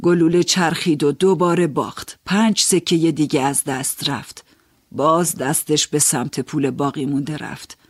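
Brief: male audiobook narrator, slightly high voice, measured, dry studio sound. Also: fairly even intonation, dry recording. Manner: measured, storytelling, first-person.

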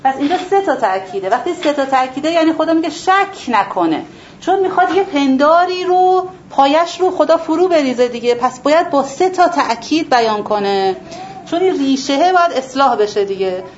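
Higher-voiced woman teaching a Quran class. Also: lively intonation. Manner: asks and answers her own rhetorical questions, repeats words for emphasis. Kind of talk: explanatory religious lesson to a class. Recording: dull lo-fi recording with faint background noise.

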